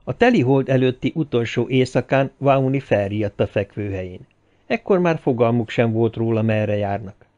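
A man narrating a novel as an audiobook in a steady storytelling delivery. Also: medium pitch, highs cut off.

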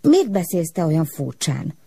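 A woman's voice: low voice, very animated, creaky, mellow, husky, dry recording, exaggerated voice. A woman voicing a cheeky little girl in a storybook, with a childlike, pleading way of talking. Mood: timid.

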